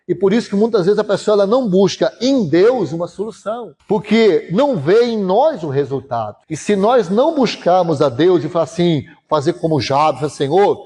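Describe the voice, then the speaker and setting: Pastor guy preaching, kinda high husky voice, tells stories and does the voices. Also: a little mellow. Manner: storytelling preacher, voices God and himself in quotes. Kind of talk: sermon.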